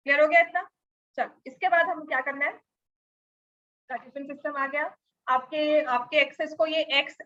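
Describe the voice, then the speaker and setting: A woman maths teacher with a high-pitched, bright, forceful voice gives a class lesson, mixing Hindi and English and often checking that students are following. The recording is dull and lo-fi.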